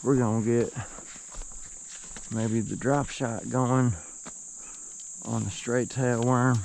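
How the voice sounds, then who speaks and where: Outdoors by a lake, a man films his own fishing vlog on an action camera, excitedly talking to himself and to the fish he reels in. His mid-range voice is gravelly and slow, with slight background noise.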